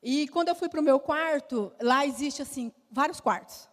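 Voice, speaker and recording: A woman's voice: high-pitched, normal speed. A woman telling her life testimony in church, emotional storytelling that acts out quoted dialogue. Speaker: testimony speaker. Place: church hall. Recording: hall reverb.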